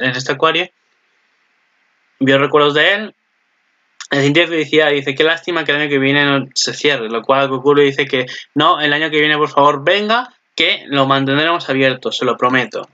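A man's voice: a little high, clean tone. A young man, recapping an anime episode in casual, rambling commentary, often restarting his sentences. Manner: rambling, excitable, swears casually, frequent restarts. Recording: dull lo-fi recording.

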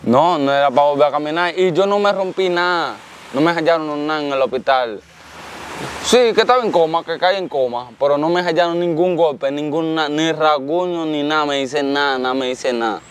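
Telling his life story in an interview, this Dominican man speaks briskly in a fairly high voice with a Dominican Spanish accent. He repeats himself earnestly and keeps thanking God, while a little hiss or hum runs underneath.

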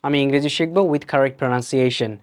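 A man's voice: mid-range voice, steady tone. Bangladeshi man teaching pronunciation, repeating words. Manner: explains, then repeats each word slowly. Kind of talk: explanatory lesson.

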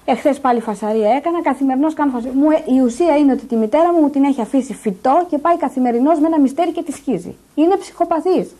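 Distressed high-voiced woman, insistent. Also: few pauses, warm tone. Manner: agitated, insistent, repeats herself. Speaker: interviewee, patient's daughter. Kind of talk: emotional news interview testimony.

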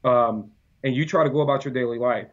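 A man speaking as a podcast guest in a casual conversation, animated and argumentative. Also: mid-range voice, fast. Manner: animated, argumentative, often acts out quoted voices. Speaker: podcast guest, gun-rights advocate. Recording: dull lo-fi audio.

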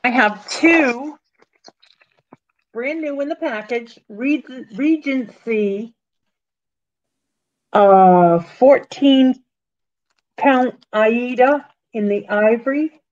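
A woman's voice: a little high, drawn-out words, pauses often, darkish tone. A woman in her sixties hosting a casual live-stream auction from home, chatting unhurriedly and thanking viewers by name over a webcam. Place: small room at home, indoors. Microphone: webcam on a computer, video call. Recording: dull lo-fi webcam audio.

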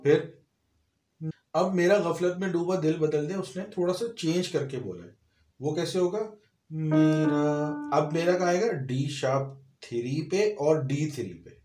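A man's voice: fairly high pitch, animated, moderate pace, darkish tone, echoey room. A man giving a piano and vocal lesson, explaining notes step by step and singing short phrases between his explanations. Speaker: music teacher. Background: piano playing.

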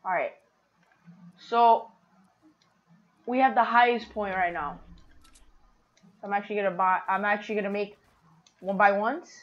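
A woman giving casual, excitable commentary on her own gameplay, talking to her viewers. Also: mid-range voice, a little slow, long pauses, muffled recording. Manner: chatty, excitable, talks to viewers. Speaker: gaming streamer.

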